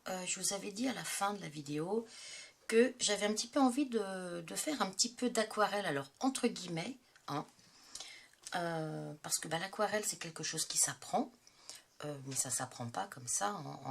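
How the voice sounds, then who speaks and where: A woman's voice: mid-range voice, slight background noise. A woman from France with a stuffy head cold, hosting a casual craft tutorial and talking in a chatty way with many hesitations. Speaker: craft channel host.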